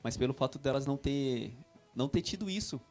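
A man of middle pitch talks quickly and hesitantly, restarting often. Faint music plays behind him. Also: expressive, darkish tone. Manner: hesitant, restarts his points. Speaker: podcast co-host. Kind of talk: casual religious talk.

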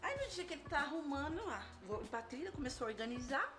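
A woman tells a story among friends in an animated, bouncy voice. She laughs easily and slips into the voices of the people she describes. Her voice sits a little high, with music clearly heard behind it. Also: fast. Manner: animated, laughs often, acts out what others said. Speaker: storyteller in a group conversation. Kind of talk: casual storytelling chat. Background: background music.

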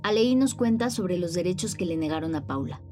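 A woman narrating a news report in a measured, scripted delivery. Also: on the low side, lively intonation, a little mellow. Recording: voice-over with music bed.

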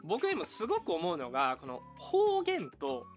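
Lively Kansai-accented man chatting. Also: sits high, unhurried, faint music behind. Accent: Kansai Japanese. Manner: animated, laughs often, teasing. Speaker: podcast co-host. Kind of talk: casual chat.

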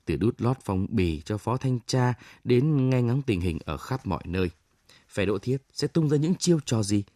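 A man's voice: medium pitch, lively intonation, moderate pace, mellow, no echo, clean studio sound. A man presenting a radio story programme, reading a scripted outro and teaser.

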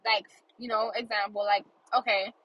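A woman in her thirties hosts a casual monologue podcast, speaking earnestly and emphatically and repeating phrases to drive points home. Her mid-range voice has little pitch movement and a moderate pace, she sounds a bit congested, and the audio is dull.

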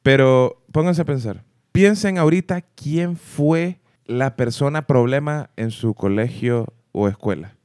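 A man's voice: medium pitch, a little slow, hardly any pauses, a little mellow, no echo. A man with a Central American Spanish accent co-hosting a casual podcast, speaking emphatically and addressing the listeners directly. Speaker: podcast co-host. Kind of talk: casual chat.

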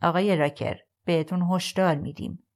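A woman's voice: fairly low pitch, fairly even intonation, natural voice. A woman reading an audiobook, voicing a stern male prosecutor delivering a formal warning.

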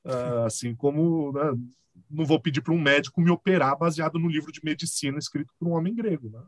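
A man with a Brazilian accent, a guest in a casual conversation, telling stories in a lively way with frequent chuckles and tag questions. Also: fairly high pitch, brisk, no echo. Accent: Brazilian Portuguese. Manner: animated storyteller, chuckles often, many filler tags.

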